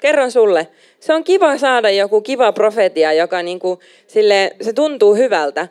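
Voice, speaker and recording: A young adult woman preaches a sermon in a smooth, mid-range voice, emphatic and animated, occasionally slipping in English phrases.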